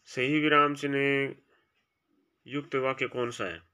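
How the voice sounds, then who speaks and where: Reading quiz options aloud one by one, a male teacher preparing students for an exam drops quieter, lower comments judging each right or wrong. His pitch barely moves, his pace runs a little slow, and his voice is smooth.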